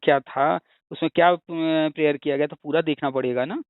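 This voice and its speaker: Heard through a tinny phone line, this man speaks briskly in a fairly high, fairly even voice, recorded dry. He's a teacher hosting a call-in discussion, casually explaining a topic at length and patiently illustrating it with examples and rhetorical questions.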